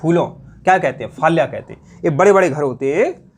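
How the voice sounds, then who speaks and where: Man teaching exam prep, fairly high voice, asks questions and drills the answers. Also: animated, brisk, slight background noise. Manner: repeats answers, asks questions aloud, colloquial. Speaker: quiz teacher.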